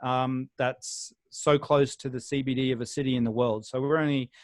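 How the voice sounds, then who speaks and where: An Australian man, a guest on a video call interview, talking in a relaxed, rambling way with many pauses and restarts. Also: medium pitch, no echo.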